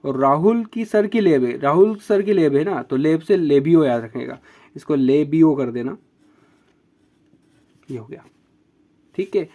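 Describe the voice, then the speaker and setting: Male biology teacher, upper pitch, slow emphatic repetition of key terms. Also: dark tone. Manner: repeats key words slowly, drawn-out emphasis. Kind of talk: explaining mnemonic tricks.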